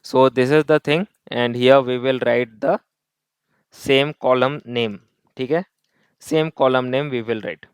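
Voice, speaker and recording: Guy walking through python code, smooth clear voice, dry close mic, keeps repeating himself. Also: medium pitch, measured pace, dry recording. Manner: explains step by step, repeats points, mixes in Hindi tag words. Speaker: coding tutor. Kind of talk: screen-recorded coding lesson.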